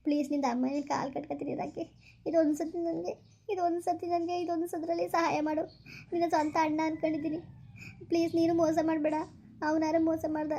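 A woman's voice: high-pitched, warm tone, highs cut off. A woman playing a desperate young woman who pleads tearfully and keeps repeating herself in a village comedy skit. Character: desperate young woman betrayed by her lover.

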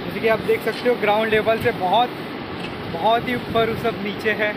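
A young adult male vlogger with a very high register hosts casual on-location commentary and asks questions in an open stone quarry, with machinery noise around him. He sounds inquisitive and relaxed, repeating back what he's told, with fairly even intonation at a normal speed. He holds his phone at arm's length to record.

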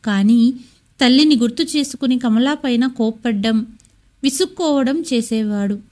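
A woman narrating a scripted story in a steady, measured way. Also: fairly high pitch.

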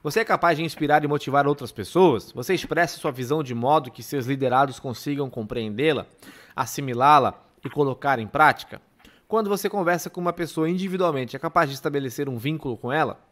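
Homem lendo e conversando em podcast. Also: male voice, on the high side, fast, a bit bright. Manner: reads passages aloud, then chats. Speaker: podcast co-host. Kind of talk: casual chat.

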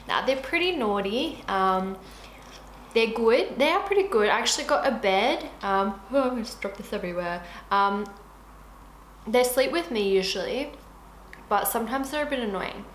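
A woman's voice: mid-range voice, a bit bright. A young woman in her twenties chatting casually while eating, talking with her mouth full. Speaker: beauty vlogger. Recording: echoey room with faint hiss.

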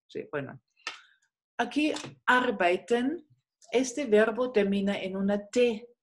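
A woman's voice: mid-range voice, takes it slowly, a little hiss or hum. Patient woman teacher. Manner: patient, explaining step by step with many fillers. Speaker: German teacher. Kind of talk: online class lecture.

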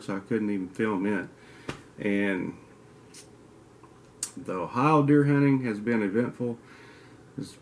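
A lowish voice with vocal fry and slight background noise comes from a Kentucky man in his forties with a southern drawl. He hosts an outdoors channel, rambling casually to a desk webcam in an indoor den with mounted antlers and trading teasing trash talk.

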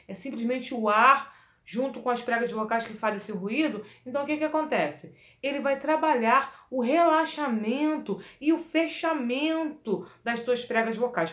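A woman teaching a singing lesson, coaching her viewers with lively energy and stopping to demonstrate exercises. Her voice sits a little high, and the room gives it a clear echo. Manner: lively, coaching, demonstrates vocal fry sounds. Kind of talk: vocal lesson to camera. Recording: echoey room.

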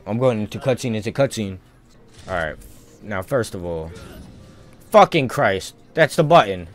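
A man streaming a game chats to himself in casual, slangy, cursing asides, with music and game audio behind him. His voice is fairly low and animated, at a moderate pace.

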